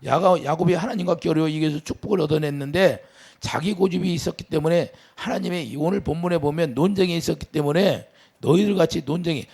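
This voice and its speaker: A man preaching a sermon as pastor, asking the congregation questions and swinging from loud to quiet. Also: fairly high pitch, vocal fry, slightly rough. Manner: preaching with sudden rises and drops, asks the congregation questions.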